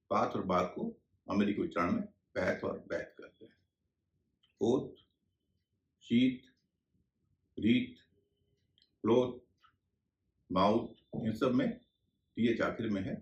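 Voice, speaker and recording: A man teaching English pronunciation in a video class, slowly spelling out words letter by letter and repeating example words. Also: medium pitch, reverberant.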